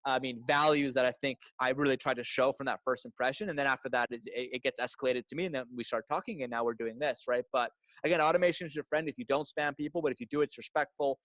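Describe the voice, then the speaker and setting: A young Canadian man, an entrepreneur guest in a casual interview, talking fast and enthusiastically and often repeating words. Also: medium pitch, steady tone, fairly bright tone, no room sound, low-quality recording.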